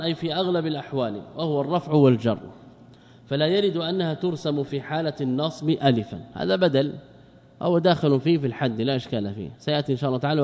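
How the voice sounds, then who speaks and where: A man's voice: a little high, dark tone. Guy teaching grammar in a big echoey hall, keeps asking himself questions and answering, repeats stuff. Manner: repeats words, asks and answers his own questions. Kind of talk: classroom lecture explaining a text. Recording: long reverb, hall echo.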